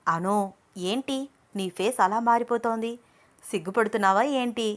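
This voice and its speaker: A woman's voice: a little high, fairly even intonation, normal speed, a bit bright, close to an everyday voice. A charming young husband, romantic and teasing, coaxing his shy wife in a storybook romance, as a female narrator reads him. The delivery stays close to her own medium voice.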